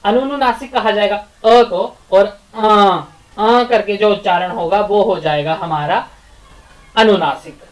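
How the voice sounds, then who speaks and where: A woman lecturing on Sanskrit grammar in a recorded lesson, working through each rule step by step. She repeats key terms and poses rhetorical questions. Verses get a steady, measured chant. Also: medium pitch, rough recording.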